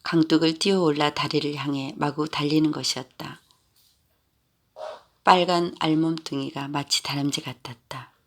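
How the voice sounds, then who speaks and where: A man narrating a story in a steady, even storytelling manner. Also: on the high side, moderate pace.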